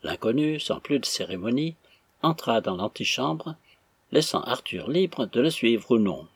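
A man narrating an audiobook in an expressive, animated way. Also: medium pitch, measured pace, breathy edge. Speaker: audiobook reader.

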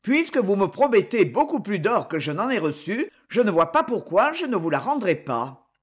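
Casting: reader doing a cunning old-world spy, cool and calculating, lively pitch. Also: moderate pace, husky. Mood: sly. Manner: cold, calculating. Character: sly scheming male spy. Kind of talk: audiobook reading.

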